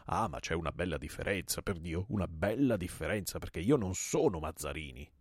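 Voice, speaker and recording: A man's voice: sits low, lively intonation, moderate pace, creaky, darkish tone, no echo, studio quality, exaggerated voice. A man reading a play aloud and voicing a frightened small-town man who pleads and protests. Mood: protesting.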